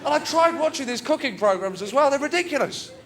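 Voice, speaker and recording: Crowd noise fills the background as a young adult stand-up comedian from England, high-pitched and nasal, tells stories quickly and deadpan. The setting is a TV studio stage, where the live audience laughs loudly at his routine.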